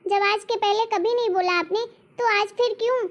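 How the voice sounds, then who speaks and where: A woman voicing a spoiled, lazy young married daughter in an animated story, talking back indignantly. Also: very high voice, brisk. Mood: defiant. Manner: indignant, argumentative. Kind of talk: cartoon story voice acting. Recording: dull lo-fi recording.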